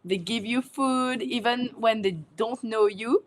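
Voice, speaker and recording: Guest: woman, unhurried and hesitant, filler-heavy, laughs often. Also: a little high. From Mauritius. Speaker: guest, food content creator. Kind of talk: casual interview answers.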